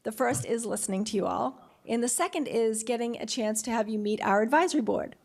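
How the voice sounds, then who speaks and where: High-voiced, creaky woman giving a welcome speech. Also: brisk, a little hiss or hum. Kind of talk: welcome speech at a community forum.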